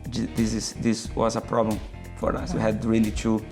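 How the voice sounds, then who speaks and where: A middle-aged man speaks as a talk show guest, his voice gravelly with fry. He hesitates and hunts for words. Clear music plays behind him. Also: lowish voice, monotone, normal speed, darkish tone. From Brazil. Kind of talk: casual talk show chat.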